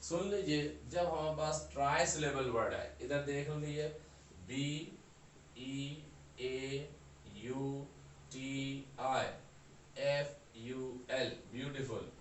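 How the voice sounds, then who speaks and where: A man's voice: on the high side, slight background noise. A man teaching English grammar, spelling words out letter by letter and checking that students follow. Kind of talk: classroom grammar lecture. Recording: echoey room, far from mic, faint ambience.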